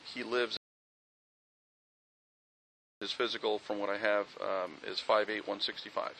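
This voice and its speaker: Male police officer, low gravelly voice, methodical on-scene briefing, outdoors, faint ambience. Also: little pitch movement, measured pace, sharp tone, slight background noise, poor audio. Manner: methodical, factual, with fillers.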